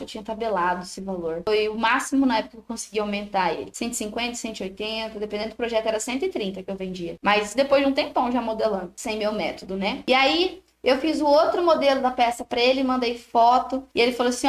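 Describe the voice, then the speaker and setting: Young brazilian woman chatting away vlog style, high voice, pretty echoey room. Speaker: biscuit artisan and course creator. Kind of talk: casual storytelling vlog.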